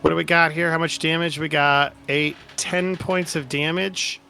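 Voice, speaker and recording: A man running a tabletop game as game master, describing events in an unhurried, hesitant way. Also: on the high side, steady tone, creaky, sharp tone, soft background music.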